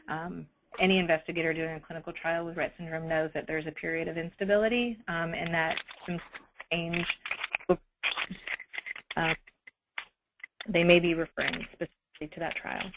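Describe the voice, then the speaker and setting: A woman with a fairly low voice runs the question session of a webinar. She reads out audience questions in a friendly, conversational way and thanks the expert after each answer. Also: background noise. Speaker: webinar moderator. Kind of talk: webinar Q&A moderating.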